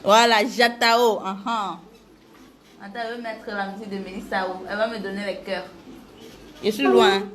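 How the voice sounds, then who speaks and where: A woman's voice: mid-range voice, fairly even intonation, moderate pace, a bit bright. A woman chatting casually with viewers during a live makeup tutorial, greeting them by name.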